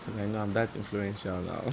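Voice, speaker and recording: Nigerian male vlogger, young, lively storyteller, mid-range voice, faint room hum behind him. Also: medium pitch. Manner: animated storytelling with big swings in loudness. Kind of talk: storytime vlog. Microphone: camera mic.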